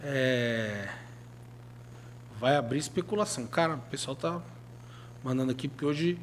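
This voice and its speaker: A man's voice: medium pitch, moderate pace, slight background noise. A man with a Brazilian Portuguese accent co-hosting a podcast, chatting about football in a casual, emphatic, colloquial way. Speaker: podcast co-host. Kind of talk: casual sports chat.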